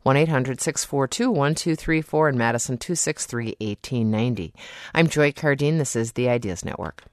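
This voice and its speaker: A woman hosting a radio call-in show with a smooth, polished radio host delivery, reading promos and introducing callers from a studio microphone. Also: a bass voice, animated, normal speed, no echo.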